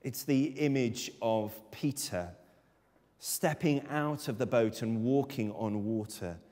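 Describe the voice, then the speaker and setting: Captured by a distant camera in a reverberant church sanctuary, a man in his thirties preaches from a lectern with earnest emphasis. His mid-range voice is dark in tone and slow-paced.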